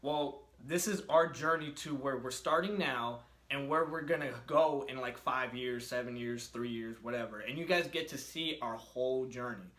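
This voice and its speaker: A man's voice: medium pitch, moderate pace, hardly any pauses, a bit bright. A man with a missing tooth co-hosting a podcast in casual, slangy, sweary chat. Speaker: podcast co-host. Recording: roomy indoor echo.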